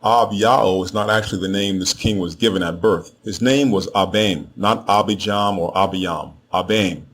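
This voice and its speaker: A man reads a scripted lesson in a somewhat low voice. He is measured and deliberate, spelling out letters and saying each name slowly twice. A faint noise sits under the recording. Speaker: teacher of Hebrew names. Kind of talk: scripted narration.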